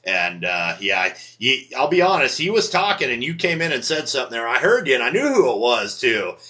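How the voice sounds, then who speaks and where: Bright-voiced friendly ham radio man. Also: medium pitch, big pitch swings. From Montana. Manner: friendly, drawn-out sign-offs with repeated "Roger, Roger". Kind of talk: casual radio chat. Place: home radio station.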